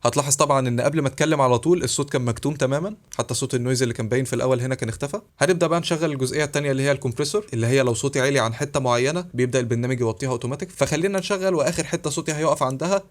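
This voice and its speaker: A man with an Egyptian Arabic accent narrating a software tutorial, explaining each step briskly and speaking to the viewer. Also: medium pitch. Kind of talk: screen-recorded tutorial voice-over.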